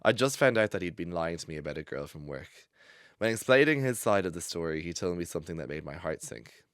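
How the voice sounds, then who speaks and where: A man, a podcast host, reading a personal story aloud in a studio, expressive and breaking into laughter now and then. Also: low-pitched, quick pace, smooth, no room sound. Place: recording studio.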